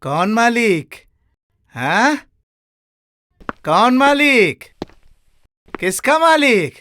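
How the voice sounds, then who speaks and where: An actor playing a mocking, bossy elder brother in a Hindi film drama. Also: male voice, extremely high pitch, big pitch swings, extremely slow, sharp tone, exaggerated voice. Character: scheming elder brother, mocking servant-loving master.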